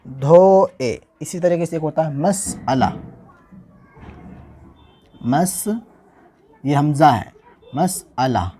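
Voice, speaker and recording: A man teaching Urdu handwriting, spelling each word slowly and repeating it, often asking how the letters are joined. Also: a little high, lively intonation, warm tone, breathy edge. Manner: slow, patient, repeats each word and asks "how will we join this?". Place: indoors, recording a tutorial without a camera.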